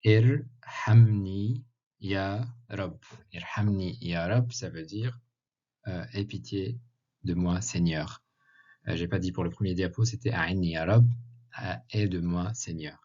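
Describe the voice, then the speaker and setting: A man with a very low voice talks slowly through a slide lesson, pausing often with filler sounds as he explains each letter. The recording is dull and lo-fi, as if made on a basic computer microphone. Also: fairly even intonation, a little mellow. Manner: slow, hesitant, many filler sounds. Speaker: Arabic teacher.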